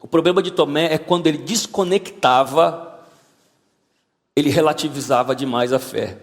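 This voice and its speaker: A male pastor preaching an animated sermon, repeating words and swinging up to shouts. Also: on the high side, normal speed. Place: church auditorium. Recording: church hall reverb.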